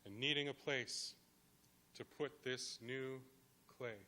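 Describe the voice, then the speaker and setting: Bright-voiced man telling a legend. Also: medium pitch, steady tone. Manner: dramatic pauses, rhythmic repetition. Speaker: guest speaker. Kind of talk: oral storytelling.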